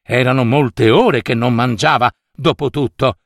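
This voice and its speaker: A man reading a fairy tale aloud in an expressive, playful way. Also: medium pitch, measured pace, gravelly, no room sound, clean studio sound. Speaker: storyteller.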